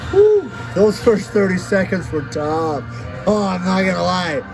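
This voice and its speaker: Slow-talking man over clear music. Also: high voice, low-quality recording. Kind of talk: casual motivational talk to camera. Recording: music behind the voice.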